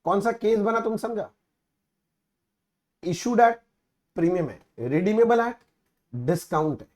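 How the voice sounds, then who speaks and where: A man's voice: high voice, lively intonation, very slow, darkish tone. A man teaching accounting in a casual lecture, mixing Hindi and English and checking in with students often. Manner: mixes Hindi and English, asks students frequent check-in questions. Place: recorded teaching video.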